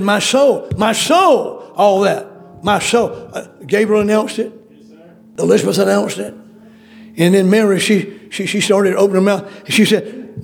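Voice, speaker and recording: A high-pitched man with a gravelly edge preaches a sermon, reading old verses and then commenting in homespun asides. Faint music plays behind him. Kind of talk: sermon reading and explaining scripture.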